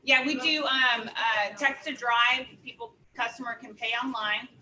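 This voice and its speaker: A woman's voice: fairly high pitch, fairly even intonation, unhurried, pushed and bright. A woman on a video call, explaining her store's services with hesitant, um-filled answers. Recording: distant mic with faint room noise.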